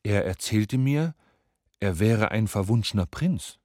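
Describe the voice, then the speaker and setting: A man voicing a meek, reluctant fisherman in a fairy tale, speaking in a low weary way. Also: lively intonation, measured pace, darkish tone, no echo, clean studio sound.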